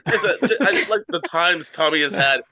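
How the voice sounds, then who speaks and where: A man's voice: on the high side, expressive, moderate pace, sharp tone, no echo. A man from Canada on a comedy podcast, riffing and spinning absurd bits. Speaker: podcast co-host. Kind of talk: casual comedy chat.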